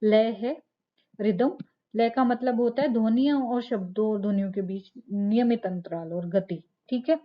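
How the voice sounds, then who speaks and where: A woman's voice: a little high, moderate pace, highs cut off. A woman teacher giving a lecture, explaining step by step, asking rhetorical questions and checking in with "ठीक है". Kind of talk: classroom lecture.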